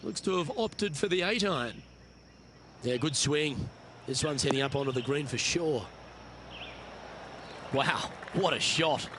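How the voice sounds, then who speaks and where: A man working as a golf commentator, calling shots in measured, understated sportscaster remarks for a video game. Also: fairly high pitch, lively intonation, sharp tone, a little hiss or hum. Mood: measured, encouraging. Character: polished male golf commentator calling each shot. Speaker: golf commentator, lead announcer.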